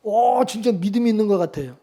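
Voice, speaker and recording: Speaking fast in a high voice, a male pastor delivers a sermon, peppering the congregation with rhetorical questions and moving from loud exhortation to quiet calm.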